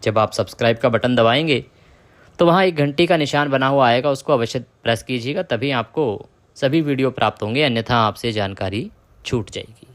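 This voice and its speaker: A man who hosts a devotional channel, narrating a religious story in a measured, reverent way and speaking to his devotees. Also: mid-range voice. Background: music.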